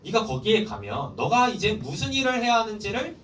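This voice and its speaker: A man's voice: high voice, very animated, brisk, fairly bright tone, a little hiss or hum, voice pushed up. A solemn, commanding male voice from heaven, put on by a preacher. It sounds roomy and distant, as if caught from across a hall. Faint ambience hangs behind it. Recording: roomy hall, mic far off.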